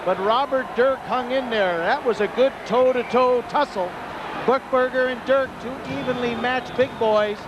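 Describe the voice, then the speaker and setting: A man giving wry, chatty color commentary on a hockey replay, heard through a low quality stream. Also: normal speed, muffled recording, background noise. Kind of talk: broadcast sports commentary.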